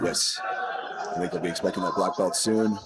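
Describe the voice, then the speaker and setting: A man giving analytical live MMA commentary in measured phrases. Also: deep voice, fairly even intonation, very noisy. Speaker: fight commentator.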